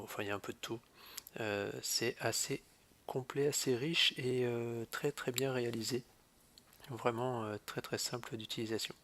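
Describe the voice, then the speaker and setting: A man with a stuffy nose from a cold, casually walking through a mobile game, pausing often with hesitant fillers. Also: mid-range voice, a bit bright, slight background noise. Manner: hesitant, fills pauses with "euh". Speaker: gaming video host. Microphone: phone or tablet screen recording.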